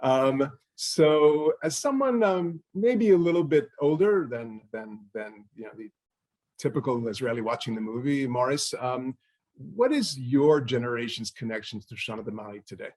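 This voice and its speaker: A man hosting a film interview, asking questions in a brisk, friendly way. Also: medium pitch, animated, a little mellow. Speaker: interviewer, festival host. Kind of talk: interview conversation.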